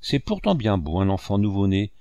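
A man's voice: fairly low pitch, normal speed, no room sound, muffled recording. Man voicing a kind old painter. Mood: tender. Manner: mild and steady. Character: gentle older male painter, kind yet firm.

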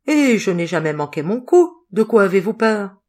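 A woman reading the lines of an odd, eerily calm young male hunter in an audiobook, in a serene, slightly mocking way. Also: medium pitch, normal speed, pitched above the performer's own voice.

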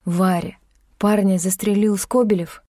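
A man's voice: sits high, little pitch movement, measured pace, dark tone, no echo, clean studio sound. A woman narrator voicing an anxious male doctor in an audiobook, pleading and insistent with a young woman.

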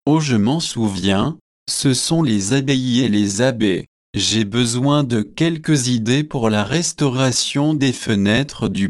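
A flighty young bride who gushes and forgets titles, read by a man. The voice is of middling pitch, with slow, unhurried delivery in a dry, close setting. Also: darkish tone, no echo. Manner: eager, gushing, forgetful chatter. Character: young newly married Anglican woman, chatty and flighty. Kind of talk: audiobook character reading.

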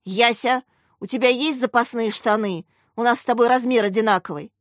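A woman's voice: a little high, a little fast, no room sound, studio quality, natural voice. A woman voicing Dima, an anxious, stubborn young schoolboy, speaking in an agitated, insistent way.

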